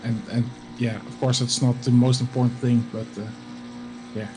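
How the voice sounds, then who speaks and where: A very tired man hosting a charity sim racing stream, talking softly and rambling with lots of hesitant fillers. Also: medium pitch, little pitch movement, moderate pace, over music. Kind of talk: casual live-stream chat. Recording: noisy with background hum.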